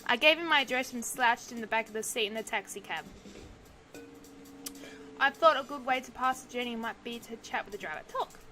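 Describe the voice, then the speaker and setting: A woman's voice: fairly high pitch, fairly quick, pushed and bright, soft background music. A woman streamer reading detective game narration aloud, breaking off for sudden outbursts and swearing. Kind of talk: reading game text aloud with casual reactions.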